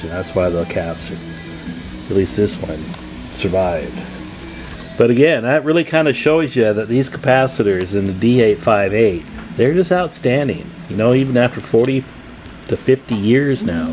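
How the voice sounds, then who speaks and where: The host of a CB radio repair channel walks through a hands-on repair in a relaxed, folksy, chatty style. His voice is medium-pitched and a little mellow.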